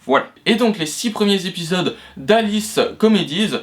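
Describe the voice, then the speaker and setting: A man's voice: high voice, lively intonation, moderate pace. A man hosting an explainer video, talking it through casually with many fillers and restarts and the odd self-mocking aside. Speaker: video host.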